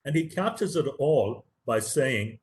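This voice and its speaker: Over a video call, a professor whose first language is Tamil gives a motivational webinar lecture at an ordinary middle pitch. Earnest and animated yet unhurried, he stresses key words and repeats phrases to drive his points home. A little hiss or hum is audible.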